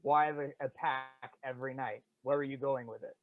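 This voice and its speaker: A man's voice: mid-range voice, fairly even intonation, normal speed. A man playing a tabletop game, asking reasoned questions. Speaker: player. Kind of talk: casual tabletop play. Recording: phone-like line with faint hiss.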